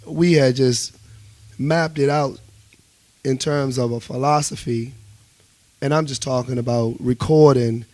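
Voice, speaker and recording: In a medium-pitched, unhurried voice with frequent pauses and no echo, a man with a Washington, DC accent is interviewed on radio as a musician. He talks casually and emphatically, telling animated stories and often checking that he's understood.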